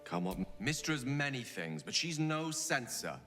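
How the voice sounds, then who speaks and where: An actor playing a proud, earnest scholarly wizard in a video game, articulate and wordy. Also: male voice, medium pitch, very animated, moderate pace, bright, forceful tone, soft background music. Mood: earnest, reflective.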